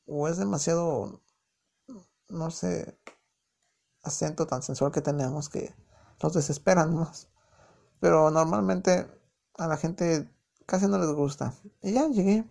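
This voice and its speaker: A man's voice: fairly high pitch, vocal fry, a little mellow. A young man from Mexico City with a chilango accent, casually telling a personal story in a chatty, joking way full of slang fillers. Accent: Mexico City Spanish. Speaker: podcast host.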